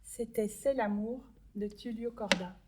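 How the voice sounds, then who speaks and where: A woman librarian reading a children's story aloud, expressive and clear for small children. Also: a little high, measured pace, very noisy.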